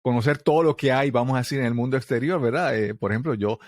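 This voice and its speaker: A man hosting an interview podcast, friendly and halting, often chuckling. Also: medium pitch, no room sound, clean studio sound. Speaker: podcast host. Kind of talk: casual interview chat.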